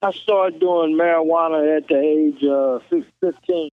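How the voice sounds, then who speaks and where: A man in his sixties speaks over a prison payphone call. The line is thin and phone-like, and the dry sound has no room around it. His voice sits a bit high for a man, and he talks plainly, repeating a word as he gets going. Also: fairly even intonation, unhurried, clean tone, no room sound. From Kansas City, Missouri. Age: 60s. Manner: plain-spoken, repeats words as he starts, says "man" often. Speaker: incarcerated interviewee. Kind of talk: casual phone interview.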